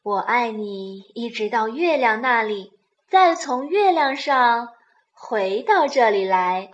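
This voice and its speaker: A woman voicing a big, gentle grown-up rabbit, calm and fond, in a children's bedtime storybook reading. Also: on the high side, slow pace, lo-fi sound. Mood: tender.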